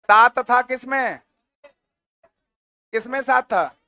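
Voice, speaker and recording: High, bright-voiced history teacher. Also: male voice, slow pace, dry recording. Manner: drilling questions, repeating answers. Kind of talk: exam-prep history lecture.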